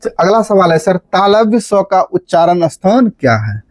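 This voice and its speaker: High-voiced man teaching grammar. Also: moderate pace, no echo. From Bihar, India. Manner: lively, repeats key terms, quizzes students with "बात समझ रहे हैं?"; chants mnemonic formulas in a sing-song rhythm. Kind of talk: Hindi grammar lesson for exam students.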